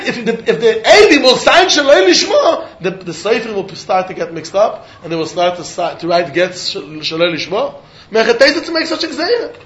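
A man with a strikingly high voice and a Yiddish accent gives a Talmud lesson. He poses questions and answers them in a sing-song way, recorded in a room with clear echo. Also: a bit bright. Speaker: Talmud teacher. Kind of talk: religious text lesson. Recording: echoey room.

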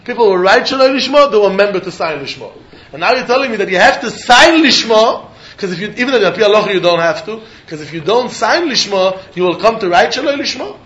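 A man's voice: high voice, big pitch swings, fast, fairly bright tone, dull audio. A man with a Yiddish accent teaching a religious text lesson in a sing-song pattern of questions and answers. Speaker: Talmud teacher. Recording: echoey room.

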